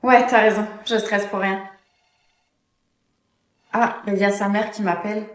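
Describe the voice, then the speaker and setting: A woman voicing a nervous young bride who frets loudly about her wedding. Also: medium pitch, fairly even intonation, a little slow, roomy sound, lightly acted. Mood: fretful.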